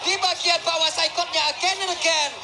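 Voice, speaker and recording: High, rapid-fire Indonesian esports announcer over loud noise. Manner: animated shouted calls of player names and plays. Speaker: esports match commentator. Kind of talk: excited live game commentary, like a fighting game announcer. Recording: loud game noise behind the voice.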